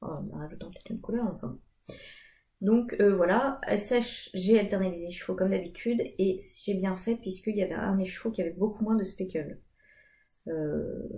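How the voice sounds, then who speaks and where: A woman's voice: mid-range voice, warm tone. A woman in her thirties, chatting casually about her knitting with many fillers. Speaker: knitting vlogger. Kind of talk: casual chat.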